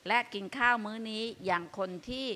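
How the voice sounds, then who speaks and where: An older woman offers Buddhist advice on a live radio show, her voice bright and clear. She talks earnestly and with animation, stacking up everyday examples. She speaks from a meditation hall before an audience. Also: mid-range voice, brisk. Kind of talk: dharma talk on live radio.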